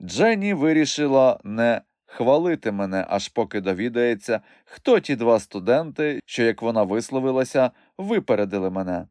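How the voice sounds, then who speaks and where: A man reading a novel aloud as a first-person audiobook narrator, in an expressive, animated way. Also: medium pitch, normal speed, few pauses, dry recording, studio quality.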